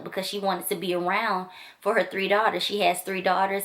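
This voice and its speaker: A book vlogger with a lowish, fairly bright voice talks casually and enthusiastically to her camera while reviewing a book. Her talk is loose and full of filler, picked up by the camera mic.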